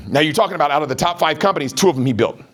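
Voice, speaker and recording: A middle-aged man teaches a room full of recruits at a rapid clip, his voice sitting a little high for a man. He tells stories with a lot of energy and keeps checking that his listeners are following. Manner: energetic, chatty storyteller who keeps checking in with the audience. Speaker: network marketing trainer. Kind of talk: motivational sales training talk.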